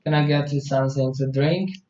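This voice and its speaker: A man's voice: medium pitch, fairly even intonation, normal speed, mellow. A man repeating English phrases as a student, slightly hesitant. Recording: echoey muffled room.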